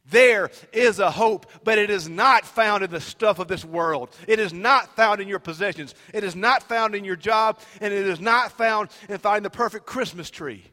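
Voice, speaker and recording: A man preaching a sermon as pastor, swinging from shouted exhortation to hushed, near-whispered pleading. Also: high voice, moderate pace, hardly any pauses. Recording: long reverb of a large hall.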